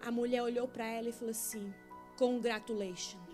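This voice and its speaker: A woman pastor preaching a dramatic sermon in a church, telling a story and building to passionate shouts. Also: fairly high pitch, fairly even intonation, fairly quick, over music.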